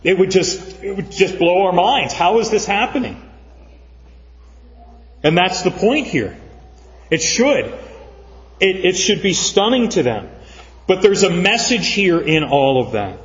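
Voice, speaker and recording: A man preaching a sermon as pastor, earnest and measured, with frequent fillers. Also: high-pitched, sing-song. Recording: dull sound, long church reverb.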